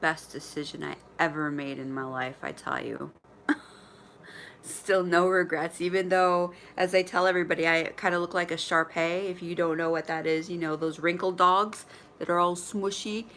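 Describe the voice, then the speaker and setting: A woman in her forties with a notably low voice, talking openly and casually to her followers on a livestream. She laughs easily and sometimes talks with her mouth full. A faint hum of room noise sits under her voice. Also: steady tone, moderate pace, a bit bright. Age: 40s. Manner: candid and chatty, often laughing, sometimes talking while eating. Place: indoors in her mother's apartment.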